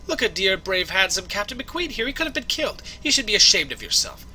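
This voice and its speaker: A man's voice: sits high, sing-song, fast talker, pushed and bright, a little hiss or hum, voice pushed up, heavily acted, poor audio. A man voicing an indignant young woman waitress who scolds and gushes over her favourite captain. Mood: scolding. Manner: huffy, scolding, gushing.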